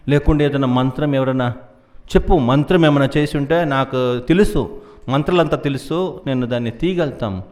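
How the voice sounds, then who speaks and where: A man's voice: medium pitch, a little mellow, close to an everyday voice. A man voicing a worried, fussing mother who scolds and coaxes her son. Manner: scolding and coaxing.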